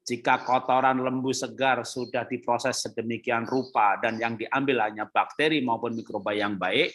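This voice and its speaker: A man's voice: mid-range voice, steady tone, normal speed, a bit bright. A man hosting a webinar, reading out audience questions to his guest in an informal, joking way. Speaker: webinar host. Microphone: video call.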